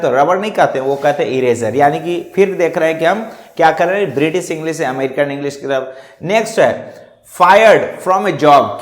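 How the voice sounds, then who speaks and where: A man with a fairly high voice walks through a list of words like a teacher, naming each one and repeating it before explaining. The room around him rings with noticeable echo. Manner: listing word pairs one by one, repeating terms. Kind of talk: explanatory lesson.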